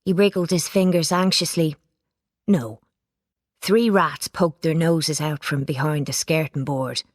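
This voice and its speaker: A woman reading a children's storybook aloud, giving it lively expression. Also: low-pitched, moderate pace, dry recording, studio quality. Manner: lively character voices, plain narration. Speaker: audiobook reader. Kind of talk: storybook narration.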